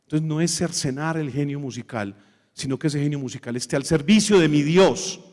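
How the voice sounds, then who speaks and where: A man, a priest, giving an animated talk on the liturgy and breaking into snatches of hymns. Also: fairly high pitch, brisk. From Colombia. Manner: animated, sings snatches of hymns and acts out quotes. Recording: long hall reverb.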